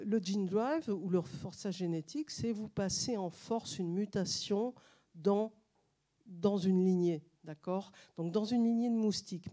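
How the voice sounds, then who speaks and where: A woman journalist speaking on stage to a live audience, hesitant with many fillers and restarts, but lively and joking. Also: mid-range voice. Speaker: journalist and author on a panel. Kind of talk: public talk to a live audience. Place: stage at a public science event.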